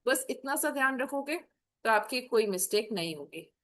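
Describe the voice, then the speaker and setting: A woman's voice: fairly high pitch, lively intonation, normal speed, a bit bright. A woman teaching French grammar in a classroom-style explanation, patiently repeating example sentences in Hindi and English.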